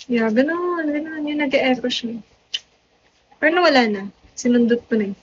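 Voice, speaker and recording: A woman's voice: high voice, moderate pace, slight background noise. A young woman hosting a casual livestream, chatting with and greeting viewers, slipping in English phrases, on a phone mic. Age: young adult. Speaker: livestream host. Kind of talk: casual live-stream chat. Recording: dull lo-fi livestream audio.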